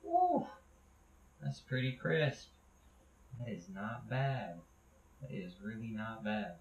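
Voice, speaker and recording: A man's voice: fairly low pitch, takes it slowly. A young man vlogging casually from home, rambling and swearing with lots of restarts. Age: young adult. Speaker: gaming YouTuber. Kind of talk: casual vlog talk. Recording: echoey, dull lo-fi home recording.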